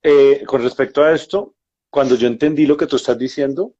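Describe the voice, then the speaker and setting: A man's voice: medium pitch, a little fast, mellow. A man hosting an interview over a video call, asking questions in a casual way. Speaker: interviewer, host. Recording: dull lo-fi video call audio.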